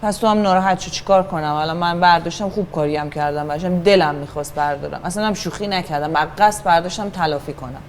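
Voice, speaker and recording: A woman's voice: lowish voice, hardly any pauses, a little hiss or hum, pitched below the performer's own voice, lightly acted. A woman playing a defiant, taunting brother. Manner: taunting, stubborn back-and-forth. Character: defiant teasing brother, unapologetic.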